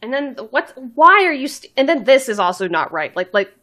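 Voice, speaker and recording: A woman chatting through a video game stream, laughing often and swearing freely. Her voice is slightly high and swings widely. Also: very animated, fairly quick, pushed and bright. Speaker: let's play streamer. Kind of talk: casual gameplay chat.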